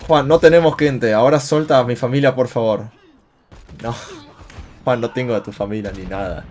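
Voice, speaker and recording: A man's voice: medium pitch, normal speed. A man with an Argentine Spanish accent, chatting and joking casually while streaming a game. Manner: joking, teasing, excitable. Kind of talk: casual gaming stream chat. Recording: faint game music behind. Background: faint game music.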